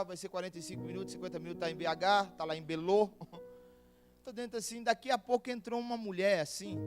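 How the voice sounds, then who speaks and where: A young man with a Brazilian accent, preaching a sermon in church, telling stories in a lively, joking way and laughing often. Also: high voice. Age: young adult. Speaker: pastor. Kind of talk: humorous storytelling sermon. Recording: music playing behind the voice.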